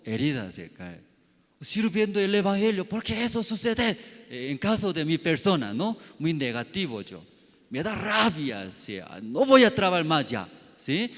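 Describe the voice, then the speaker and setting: A man preaching a sermon as pastor, telling stories with sound effects and acted quotes, in simple, halting phrasing. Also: medium pitch, a bit bright. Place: church hall. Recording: long church hall reverb.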